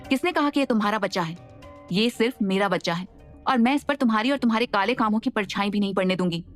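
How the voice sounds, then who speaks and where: A woman doing a young pregnant wife in an audio drama, her voice lifted noticeably higher than the narration. She sounds anguished and sharp, and accuses with every word. Soft music plays underneath. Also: animated, fast, natural voice. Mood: furious. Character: young pregnant woman, frightened then furious.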